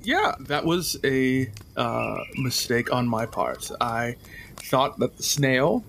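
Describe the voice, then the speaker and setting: A man playing a polite, earnest wandering journalist adventurer in a tabletop game, speaking in measured, formal, hesitant phrases. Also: medium pitch, very animated, gravelly, a bit bright, a little hiss or hum, exaggerated voice. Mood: rueful, measured. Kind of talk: tabletop role-play in character.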